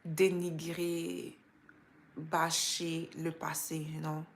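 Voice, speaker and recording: Speaking extremely slowly in a low, flat voice with vocal fry, this Quebec woman hosts an informal motivational live chat. Her Quebec French accent carries hints of Creole and English, she tosses in English slang, and slight background noise can be heard.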